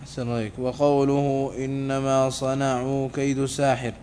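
A man reads a classical religious text aloud to his teacher, word by word and with care. His voice stays level on one note, with almost no rise or fall. A faint noise runs behind him. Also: medium pitch. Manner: flat, measured recitation. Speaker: student reading a text aloud.

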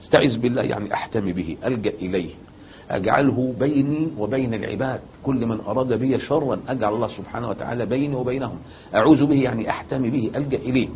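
An Egyptian man preaching a religious lesson, his voice pitched in the middle range and pushing up hard on key words as he poses questions and answers them himself. The recording sounds thin and phone-like, with a faint hiss underneath. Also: very fast. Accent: Egyptian Arabic. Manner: emphatic, rises sharply on key words, asks and answers his own questions. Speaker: Islamic preacher. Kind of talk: religious lesson on Quran chapters. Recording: tinny lo-fi recording with faint noise.

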